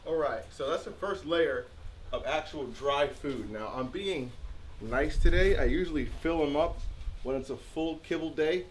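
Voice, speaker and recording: A man's voice: on the high side, a little slow, very noisy. Congested man chatting with his dogs. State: congested from allergies. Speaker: animal vlogger. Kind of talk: casual vlog narration.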